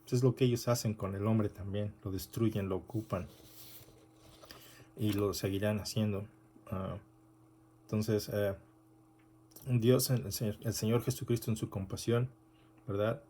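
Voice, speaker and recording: A man's voice: lowish voice, steady tone, a little slow, long pauses, mellow, slight background noise. A male pastor preaching an unscripted sermon, correcting himself often and adding rhetorical asides.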